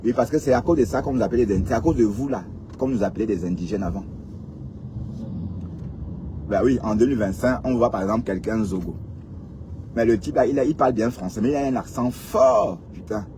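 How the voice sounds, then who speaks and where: With a fairly low voice and a brisk pace, a man from Cameroon rants sarcastically to viewers while on the road in a vehicle, peppering them with rhetorical questions. The background is noisy.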